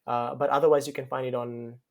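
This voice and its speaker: A man's voice: mid-range voice, level tone, brisk, gravelly, darkish tone. A man from Fiji with a Fiji Indian accent, speaking as a guest author in a conversational interview, telling personal stories.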